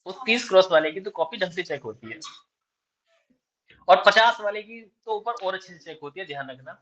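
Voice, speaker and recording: A man's voice: sits high, lively intonation, pushed and bright, dull audio. A man teaching chemistry, lecturing his class and dictating answers to write down. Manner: switches between rapid chat and slow word-by-word dictation.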